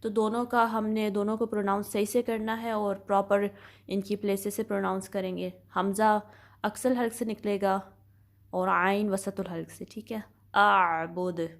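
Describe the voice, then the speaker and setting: A woman's voice: mid-range voice, flat delivery, gravelly. A woman teaching a tajweed class, explaining pronunciation patiently and methodically and checking in often with her students. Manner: patient, methodical explaining with slow drawn-out demonstrations; frequent reassuring check-ins. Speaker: Quran recitation teacher. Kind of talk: tajweed lesson.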